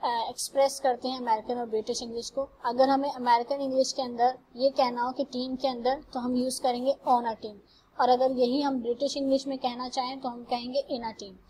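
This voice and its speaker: A woman teaching English grammar, reading example sentences slowly and carefully before translating them. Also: high-pitched, flat delivery, mellow, slight background noise, rough recording. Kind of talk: classroom lecture.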